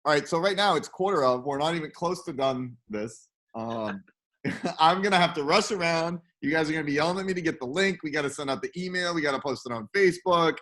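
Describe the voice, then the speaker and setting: A man co-hosting a casual chat show, his voice sitting slightly high. He talks in quick, hurried run-on explanations. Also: fairly bright tone. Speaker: co-host and show producer.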